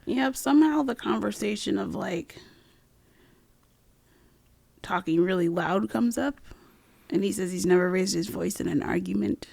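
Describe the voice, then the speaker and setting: Soft-spoken woman podcast co-host, gravelly fry, dry close sound. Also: medium pitch, measured pace, pauses often, dry recording. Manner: soft-spoken, never raises her voice. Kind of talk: casual podcast chat.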